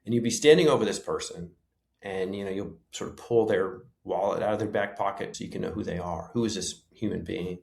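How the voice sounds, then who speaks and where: A man's voice: deep voice, brisk, gravelly, darkish tone. A man, a former paramedic, thoughtfully telling stories from his career in an interview, often restarting with "you know". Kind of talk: reflective storytelling in an interview. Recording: roomy echo.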